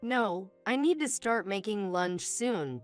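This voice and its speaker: A woman voicing a frail, timid young mother who speaks softly and hesitantly, slow and quiet. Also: medium pitch, lively intonation, soft background music. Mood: weak, hesitant. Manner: soft, hesitant, apologetic.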